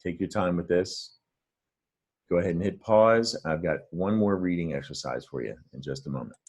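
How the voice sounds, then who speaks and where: Low husky man teaching reading. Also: normal speed, a little mellow. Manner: patient, encouraging, explains step by step. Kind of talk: friendly reading lesson to camera.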